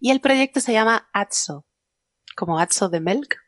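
A woman's voice: on the high side, lively intonation, normal speed, fairly bright tone, no echo, studio quality. A woman guest on a science podcast panel, explaining her research casually, laughing often and restarting her sentences.

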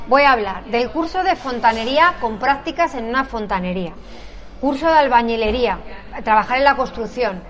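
A woman chats casually on a live stream. Her voice sits a touch high, and she reads long lists aloud with a light, self-deprecating manner. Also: fairly bright tone. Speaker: co-host.

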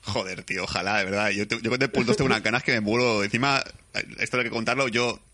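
Young man, podcast co-host, rapid animated film chat, quick pace, bright tone. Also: on the low side. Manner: rapid, animated retelling with put-on voices for quotes.

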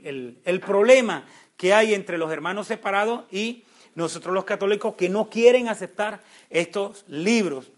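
Man, very high voice, Bible class teacher, rhetorical questions, frequent restarts. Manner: asks questions then answers them; restarts words often, animated.

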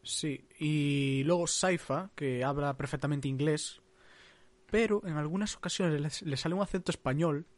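A man, co-hosting a podcast, speaking in a measured way with hesitant fillers. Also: on the high side, dry recording. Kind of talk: casual chat.

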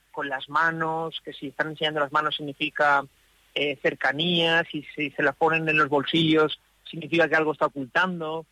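High bright-voiced man in a parked car. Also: dry recording, low-quality recording. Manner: thoughtful, with pauses and restarts. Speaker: psychologist guest. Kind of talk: explanatory radio talk.

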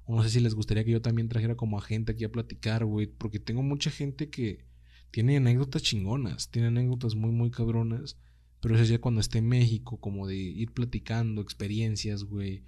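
A man's voice: fairly low pitch, little pitch movement, a little fast, warm tone. Laid-back Mexican guy on a podcast. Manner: slangy, swears freely, says "güey" constantly. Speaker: podcast host. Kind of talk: casual solo podcast monologue.

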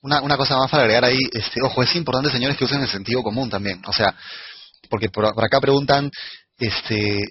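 A man's voice: mid-range voice, steady tone, quick pace. A man co-teaching a live sales course, giving direct, matter-of-fact advice. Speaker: course instructor. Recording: muffled audio with faint noise.

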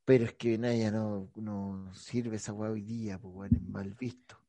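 A man's voice: on the low side, flat delivery, unhurried, warm tone, no echo. A Chilean man trading profane, teasing insults in crude comic banter with a co-host.

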